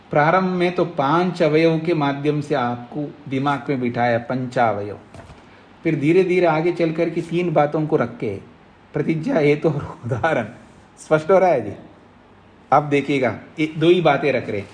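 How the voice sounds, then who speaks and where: A middle-aged man, a swami, teaching a scriptural lecture to students, explaining slowly with repetition, quizzing the class, and acting out both sides of a debate. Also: a little high, a little mellow. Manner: acts out both sides of a debate in raised tones. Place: ashram classroom.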